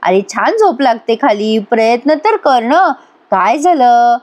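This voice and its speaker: A sly young wife, sweetly mocking and always teasing, as a woman recapping a serial puts her on. She draws her lines out slowly with a playful, knowing lilt, set a little above a plain speaking voice. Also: fairly high pitch, lively intonation, darkish tone.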